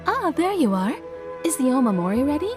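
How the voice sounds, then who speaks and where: A woman's voice: high-pitched, big pitch swings, fairly quick, music in the background. A woman voicing a polite, attentive young shrine maiden in a video game, courteous and helpful. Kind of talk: English game voice acting.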